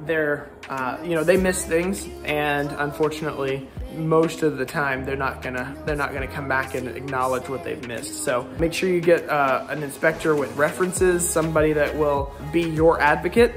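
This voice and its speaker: His fairly high voice steady, at normal speed and with hardly any pauses, an American contractor in his thirties hosts a casual renovation walkthrough vlog. The handheld tour, shot at arm's length, covers a house, garage and covered patio, backed by music.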